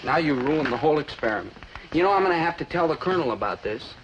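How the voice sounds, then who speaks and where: A man's voice: on the high side, very animated, quick pace, fairly bright tone, poor audio. An actor playing a sensible, exasperated young American man, a loyal straight-man buddy in a 1960s sitcom. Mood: indignant, earnest. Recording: old TV soundtrack, faint noise.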